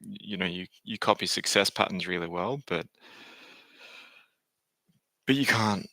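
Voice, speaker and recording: A man's voice: sits low, a little slow, gravelly, sharp tone, no echo. A man talking casually on a live stream, hesitant and candid, often restarting his sentences.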